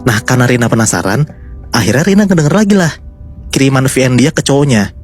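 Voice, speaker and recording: A man's voice: medium pitch, expressive, quick pace, soft background music. A man casually telling a horror story to his co-hosts, chatty and building suspense. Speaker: storyteller host.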